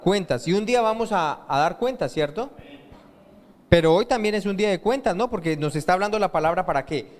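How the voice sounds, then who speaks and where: A man's voice: high voice, lively intonation, brisk. A man preaching a sermon as pastor, quizzing the congregation with rhetorical questions for them to answer. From Colombia. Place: church hall with long reverb. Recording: reverberant church hall.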